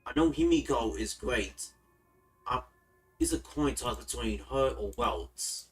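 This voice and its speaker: A relaxed American man offers rambling, casual commentary on his game stream, frequently restarting and repeating himself. His voice is medium-pitched and measured in pace. The mic sits a bit far away, and faint game music plays underneath.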